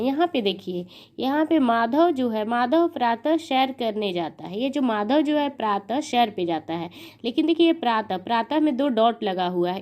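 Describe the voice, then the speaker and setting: A woman's voice: on the high side, a little mellow. A young woman teaching a grammar lesson, spelling words sound by sound and counting each sound aloud. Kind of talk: slow explanatory grammar lesson.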